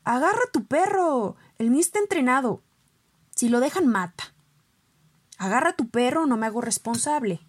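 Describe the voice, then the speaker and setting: A woman voicing an angry neighbor man who shouts urgent warnings at another dog owner. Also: very high voice, lively intonation, normal speed, slight background noise, voice pushed up. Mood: alarmed.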